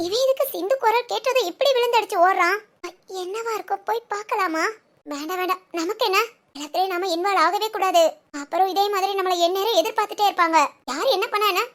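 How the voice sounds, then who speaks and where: ஒரு பெண் நடிக்கும் கணவனிடம் கோபித்துக்கொண்ட இளம் மனைவி, மிக உயர்ந்த குரல், கூர்மையாகத் திட்டும் பேச்சு. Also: female voice, very high voice, fast talker. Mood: puzzled. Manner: sharp scolding, then soft musing alone. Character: young wife sulking at her husband. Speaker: actress in a village family skit. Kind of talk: comic family drama acting.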